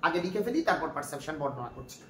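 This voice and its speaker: A man's voice: on the high side, big pitch swings, racing, a bit bright. A man with a Bangladeshi accent teaching a classroom grammar lesson, patiently asking his class questions and repeating his points. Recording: echoey room from far off, faint noise.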